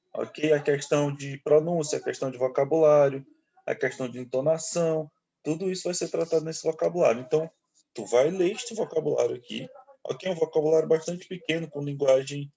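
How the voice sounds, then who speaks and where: Gravelly Brazilian man teaching a class. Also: a little high, a little mellow. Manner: explains slowly, keeps checking in with "tá bom?" and "ok?". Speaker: English teacher. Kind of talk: online class lecture.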